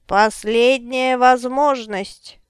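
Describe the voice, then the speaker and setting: A woman's voice: fairly high pitch, steady tone, very slow, clean tone, no echo, studio quality. Woman reading a hissing cruel old woman. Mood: threatening. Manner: hissing, threatening.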